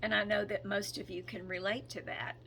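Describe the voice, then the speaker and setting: A woman channeling spirit shares a casual update in a hoarse, slow, hesitant voice, frequently clearing her throat and saying um. Her mid-range delivery is flat and a bit bright, and the poor audio carries slight background noise.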